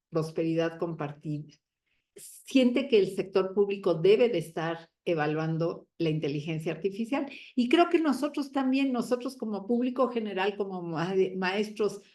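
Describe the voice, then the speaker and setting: Woman teacher lecturing. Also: medium pitch. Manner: lively, many fillers and self-corrections. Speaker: university teacher giving a lecture. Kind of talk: conference talk.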